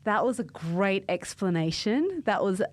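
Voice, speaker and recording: A woman's voice: mid-range voice, animated, measured pace, darkish tone, dry recording. Encouraging woman podcast host. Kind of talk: podcast interview.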